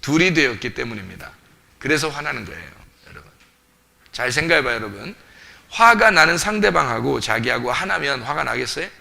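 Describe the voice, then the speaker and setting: Animated, bright-voiced male pastor preaching. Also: mid-range voice, brisk, gravelly. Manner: emphatic, rhetorical questions to the congregation. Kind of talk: sermon. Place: church sanctuary. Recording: long reverb of a church hall.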